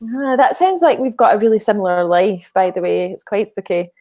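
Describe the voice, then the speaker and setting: A woman with a middle-pitched voice hosts a live online broadcast. She is bubbly and giggly, and she keeps things casual with plenty of ums. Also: expressive, brisk, mellow, a little hiss or hum. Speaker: live-stream host.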